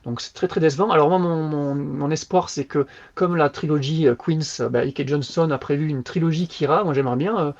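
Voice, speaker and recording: A man with a somewhat high voice talks through a book review in a loose, lively way, dropping slang as he goes. The podcast audio sounds muffled and lo-fi. It feels like an easygoing chat among co-hosts. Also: fairly quick, few pauses. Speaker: podcast co-host.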